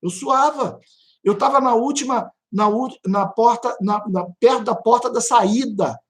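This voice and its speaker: A man's voice: very high-pitched, measured pace. Man preaching a testimony. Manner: animated storytelling, imitating a pounding heartbeat; direct address to listeners as brother and sister. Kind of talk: live-streamed testimony sermon.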